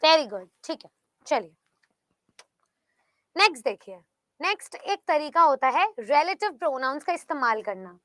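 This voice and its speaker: Woman teacher, high bright voice, goes slow and explains every step. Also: no echo. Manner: slow, explains step by step, praises students by name. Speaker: English teacher. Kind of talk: online class lesson.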